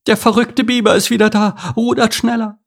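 A man voicing a chorus of tiny panicking ants in a storybook reading, high and piping. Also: flat delivery, a little fast, creaky, full character voice. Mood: panicked. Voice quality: piping, squeaky. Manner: panicky shouting.

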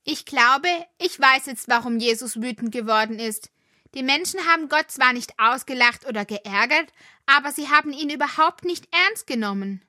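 A woman's voice: high voice, moderate pace, bright, forceful tone, dry recording, clean studio sound. A woman voicing a talkative, curious young worm child in a children's audio drama.

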